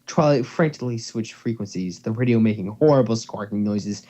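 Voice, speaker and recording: Over slightly dull call audio from a computer or headset mic, a man with a lowish, warm voice reads fan fiction a little quickly. He's the narrator and co-host, and his style is amateur and casual.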